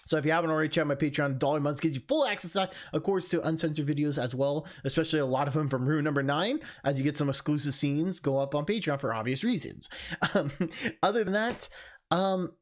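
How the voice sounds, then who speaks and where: Speaking fairly quickly at a medium pitch, this streamer narrates a visual novel and chats informally with the audience, vlog style. There's music behind the talk.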